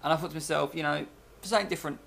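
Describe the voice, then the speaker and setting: This young man's casual vlog ramble is rapid-fire, in a voice on the high side that's fairly bright, with fairly even intonation and some vocal fry. He records himself in a small bedroom using a webcam microphone at his desk, arm's length away.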